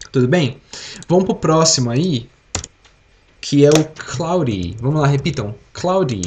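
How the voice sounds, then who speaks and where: On a live stream, a young Brazilian man with a Brazilian Portuguese accent teaches an English lesson in a medium-pitched, slightly mellow voice. He explains patiently, drills words, and has the class repeat after him.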